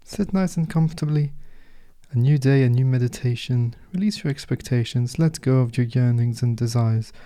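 A man guiding a meditation as host, speaking in a soft, slow, soothing way. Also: medium pitch, clean tone. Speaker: meditation podcast host and guide. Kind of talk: guided meditation narration.

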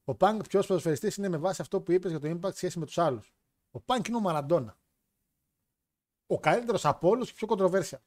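A young man hosts a wrestling chat, joking and slangy, reacting to viewer comments. His voice sits a bit high. The sound is close and dry. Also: lively intonation, a little mellow, no echo. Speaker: wrestling show host. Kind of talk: casual chat reading chat comments.

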